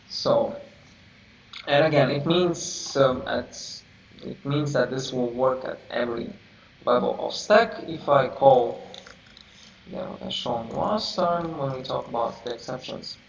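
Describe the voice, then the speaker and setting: A man teaching a programming class, halting and searching for words as he explains, heard from a distance. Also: mid-range voice, gravelly. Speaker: programming instructor. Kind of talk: live coding lecture. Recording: roomy, distant, dull lo-fi mic with faint hiss.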